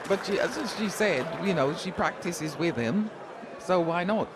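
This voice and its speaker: A woman's voice: fairly low pitch, lively intonation, measured pace. Woman darts pundit chatting on live commentary, very up and down voice, noisy crowd. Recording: crowd and clear background noise.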